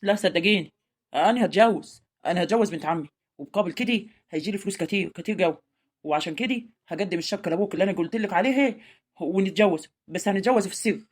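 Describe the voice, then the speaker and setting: A woman with an Egyptian accent playing a young village man who schemes to marry a rich cousin in secret, talking smoothly and persuasively. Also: mid-range voice, rapid-fire, natural voice. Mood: scheming. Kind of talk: amateur village drama acting.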